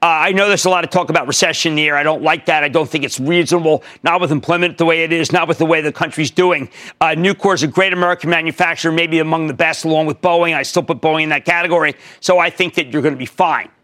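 A middle-aged man hosting a stock market call-in show, talking emphatically with sudden loud bursts and low asides. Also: fairly even intonation, quick pace. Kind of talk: energetic market commentary and call-in.

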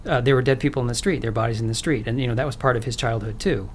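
A man's voice: mid-range voice, very fast, slight background noise. A man hosting a podcast, curious and chatty, with frequent restarts, narrating an intro and then interviewing. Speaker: podcast host.

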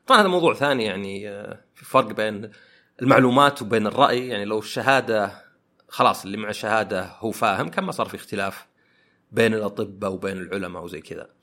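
A man talks through his ideas in a reflective podcast monologue, thinking aloud as he goes. His voice sits fairly low, and he moves along quickly, filling gaps with hesitant little sounds while he searches for the right word. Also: pushed and bright. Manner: thoughtful, searching for words with many fillers. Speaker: podcast host.

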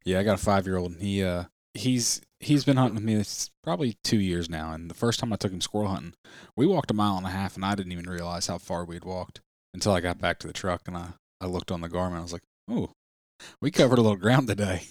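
A man's voice: low-pitched, quick pace, no echo, studio quality. A man chatting casually in a plain-spoken, easygoing way. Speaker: hunter in conversation. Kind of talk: casual conversation.

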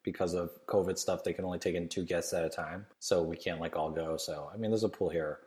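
A man's voice: deep voice, steady tone, fairly quick, a little mellow. A man chatting casually as a podcast co-host, recorded in an echoey game room. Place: game room in a rented house, indoors.

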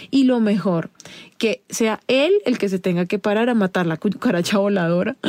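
Woman, podcast host, casual advice monologue, confiding direct address, gravelly. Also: medium pitch, a little mellow, no echo.

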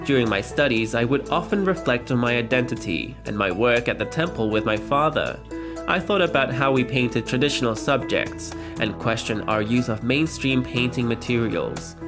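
With loud music playing under him the entire time, a man calmly explains and translates an interview at a moderate pace. His voice is middle-pitched.

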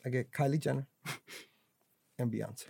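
A man's voice: mid-range voice, steady tone, slow pace, gravelly, dark tone, husky, no echo. Man, podcast host, casual banter, joking, stumbling restarts, dry close mic.

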